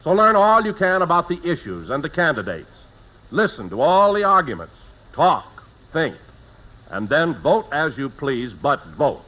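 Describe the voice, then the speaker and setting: A man's voice: a little high, big pitch swings, a little slow. An American man working as a radio announcer, reading old-time advertising copy in an emphatic, polished way. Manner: emphatic, polished sales delivery. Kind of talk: 1950s radio advertising read. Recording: dull old radio broadcast.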